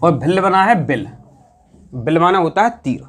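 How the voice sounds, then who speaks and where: Man teaching exam prep, fairly high voice, asks questions and drills the answers. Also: sing-song, moderate pace, a bit bright. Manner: repeats answers, asks questions aloud, colloquial. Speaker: quiz teacher.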